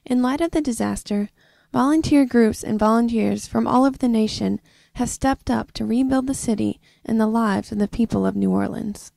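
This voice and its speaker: A woman's voice: on the high side, normal speed, gravelly, few pauses, warm tone, no room sound. A woman giving a scripted documentary narration, reading evenly from a script.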